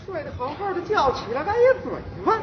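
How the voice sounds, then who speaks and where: Animated high-voiced woman storyteller. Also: background noise. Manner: animated, acting out quick exchanges. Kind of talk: comic storytelling performance. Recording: dull lo-fi recording in a reverberant hall.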